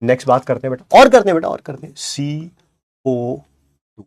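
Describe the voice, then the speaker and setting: Lively encouraging male chemistry teacher. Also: medium pitch, normal speed. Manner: encouraging, answers his own questions in students' voice; counts aloud while pointing at the board. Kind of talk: online class lecture.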